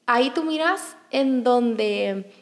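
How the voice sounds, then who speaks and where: A young woman chatting casually, telling a personal story in an animated way with many restarts. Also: on the high side, slow pace. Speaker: podcast guest. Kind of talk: casual chat.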